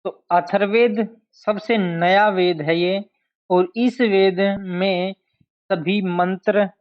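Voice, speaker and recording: A man teaching an exam-prep history lesson, speaking slowly and deliberately and repeating key terms to drill them in. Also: sits high, steady tone. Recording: dull lo-fi sound.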